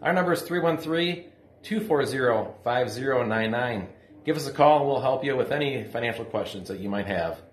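A man's voice: mid-range voice, animated, fairly quick. A middle-aged man in an office giving a short, friendly and businesslike sponsor message into a phone held at arm's length. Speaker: sponsor in an ad spot. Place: office indoors. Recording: roomy office phone recording.

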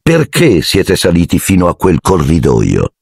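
A man's voice: low voice, wildly swooping pitch, measured pace, creaky, a little mellow, breathy edge, dry recording, studio quality, exaggerated voice. A man voicing Piton, a cold, sneering male teacher who picks at the boys' story with suspicion.

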